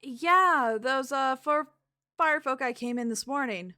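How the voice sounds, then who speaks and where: A woman's voice: high-pitched, slow pace, bright, forceful tone, pitched above the performer's own voice, full character voice. Woman doing a jumpy, eager shop clerk.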